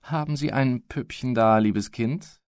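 A man voicing a portly middle-aged official who talks to a child in a hushed, wheedling voice and turns to furious shouting. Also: medium pitch, a little slow, no room sound, studio quality, voice pushed up, natural voice.

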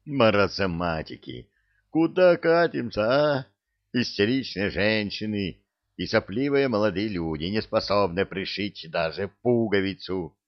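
Мужчина играет грубого орущего генерала. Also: male voice, fairly low pitch, expressive, a little slow, dry recording. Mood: ranting. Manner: shouting, cursing, blustering. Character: gruff bullying middle-aged army general. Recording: dull dry recording.

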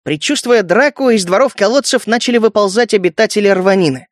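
A man narrating an audiobook in a steady storytelling manner. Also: sits high, a little fast, no room sound, studio quality. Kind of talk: scripted narration.

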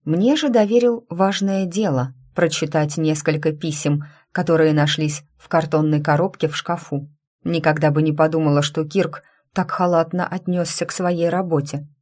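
A woman narrating a first-person story in a steady, unhurried reading voice. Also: sits low. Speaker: audiobook narrator.

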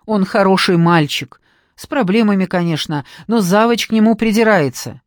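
A flustered, apologetic shop worker, speaking hesitantly in a lowered, muffled voice, as a female reader puts her on. The audiobook recording is dry and close. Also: lively intonation, normal speed, a little mellow, dry recording, lightly acted.

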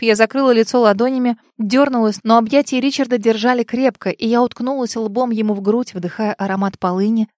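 A woman narrating a first-person romance novel as an audiobook, intimate and expressive, sometimes dropping to breathy whispers. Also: on the high side, no echo, studio quality.

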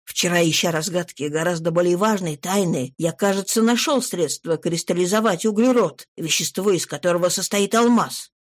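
A woman voicing a soft, tender husband. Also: lowish voice, expressive, unhurried, voice pushed down. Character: middle-aged male scholar, tender and absorbed.

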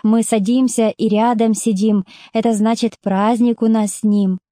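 A woman's voice: a little high, steady tone, moderate pace, dark tone, no room sound, studio quality, close to an everyday voice. A woman voicing a plainspoken working-class mother, blunt, stubborn and speaking in homely folk speech, in a storybook reading. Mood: plain.

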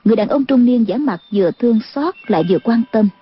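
A woman narrating a martial-arts audiobook with a steady storytelling delivery, in a dull lo-fi recording. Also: a little high, quick pace, husky, dry recording, soft background music. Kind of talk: scripted narration.

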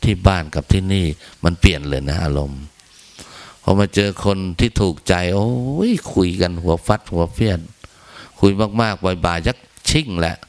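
A man's voice: sits low, moderate pace. A man giving a casual, humorous Buddhist Dhamma talk in earthy, crude language, often acting out the people he describes in raised voices.

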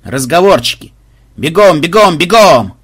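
A man's voice: medium pitch, expressive, moderate pace, bright, forceful tone, husky. A man voicing a brusque male squad commander barking orders in an audiobook. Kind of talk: audiobook voice acting.

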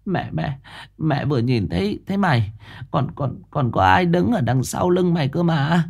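A man's voice: lively intonation, moderate pace, gravelly, slightly rough, full character voice. A man voicing a frightened old mother in a ghost story, crying out and stammering. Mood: shaken. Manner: stammering, breathless, high cries. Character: terrified old mother, frantic and shaky.

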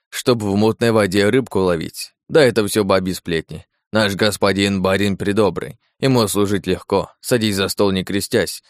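A man's voice: lowish voice, no echo, clean studio sound, natural voice. A man voicing a boastful demon disguised as a big-headed Cossack, swaggering and persuasive in an audiobook. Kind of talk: audiobook character voice.

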